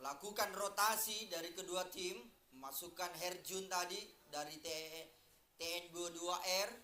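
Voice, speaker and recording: A man's voice: high-pitched, steady tone, unhurried, sharp tone, roomy sound. A man giving live football commentary in short, separated phrases, like a stadium announcer.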